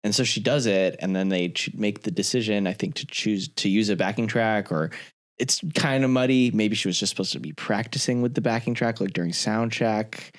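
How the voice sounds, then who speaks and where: A man with some vocal fry, explaining things informally in casual, slangy chat. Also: lowish voice, fairly quick.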